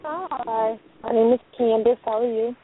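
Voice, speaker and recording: A woman's voice: on the high side, a little slow, slight background noise. A woman in her thirties from Louisiana, calling in and asking hesitantly about her love life. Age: 30s. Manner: hesitant, with many ums. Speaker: caller. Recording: tinny phone line.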